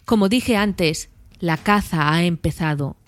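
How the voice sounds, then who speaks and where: A woman's voice: lowish voice, a little slow, dry recording, soft background music, natural voice. Gandalf, a woman reading a grave old wizard.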